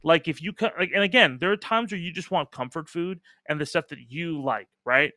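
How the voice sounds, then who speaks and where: A man's voice: fairly high pitch, brisk, pushed and bright, no room sound, studio quality. A man hosting a casual podcast chat, talking emphatically with lots of fillers and casual swearing. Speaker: podcast host.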